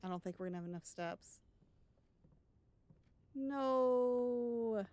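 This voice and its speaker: A woman's voice: a little high, slow pace, a little mellow, clear, resonant tone, no echo. A woman streaming a live game, talking through her choices in a chatty, wry way. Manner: thinks aloud, chatty and wry. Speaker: let's play streamer. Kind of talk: live gameplay commentary.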